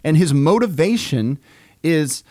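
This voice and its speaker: A man, a pastor co-hosting a podcast, explaining a Bible passage in a measured, deadpan way. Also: a little high, no room sound, clean studio sound. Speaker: pastor and co-host.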